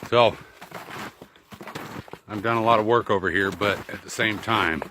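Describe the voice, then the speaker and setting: Deep-voiced man trudging through snow, winded. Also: steady tone, unhurried, background noise. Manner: talking in short bursts while trudging through snow on snowshoes. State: winded from exertion. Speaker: outdoor vlogger. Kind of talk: casual vlog narration while walking. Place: outdoors in snowy woods and fields.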